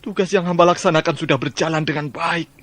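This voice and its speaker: A man's voice: a little high, steady tone, quick pace, fairly bright tone, no room sound. An actor playing a fearful old male servant who begs and sobs for mercy in a radio drama. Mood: anxious. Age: older. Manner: whining, begging, sobbing. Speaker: servant of the minister.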